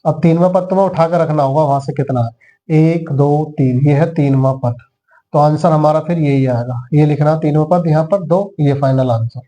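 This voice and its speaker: A man's voice: on the high side, moderate pace, dark tone. A man teaching maths who talks students through each step and counts the items aloud. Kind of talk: classroom lesson.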